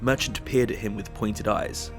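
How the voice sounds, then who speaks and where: A man narrating an audiobook drama in a measured, even storytelling manner. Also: lowish voice, faint music behind.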